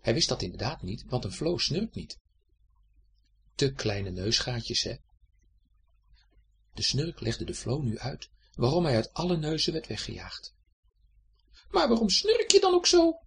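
A storyteller reading a children's story aloud in a lively, expressive way, speaking directly to the young listener. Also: mid-range voice, unhurried, long pauses, slightly rough.

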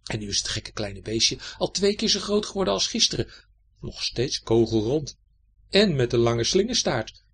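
A man reading a children's story aloud in a lively, expressive way. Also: mid-range voice, normal speed, husky.

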